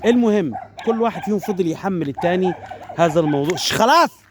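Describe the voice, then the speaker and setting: A man with an Egyptian Arabic accent informally tells a traditional animal fable, speaking as a storyteller who addresses his viewers directly. He's animated and digressive, with a high voice and rapid-fire delivery. Background noise is present in the recording.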